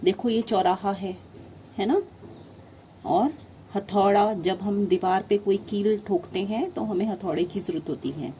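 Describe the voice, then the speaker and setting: A woman's voice: medium pitch, unhurried, warm tone, a little hiss or hum. A woman teaching young children in an online class, patiently sounding out letters one syllable at a time and calling them by affectionate names. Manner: affectionate, calls the children "beta". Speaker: primary school Hindi teacher.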